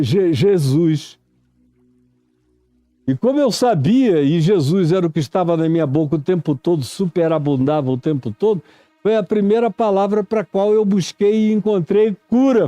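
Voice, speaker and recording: A man in his seventies with a Brazilian Portuguese accent, a preacher telling a reflective story in a sermon, unhurried and reminiscing. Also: high-pitched, dark tone, dry recording. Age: 70s. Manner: slow, unhurried, reminiscing, acts out stammering syllables.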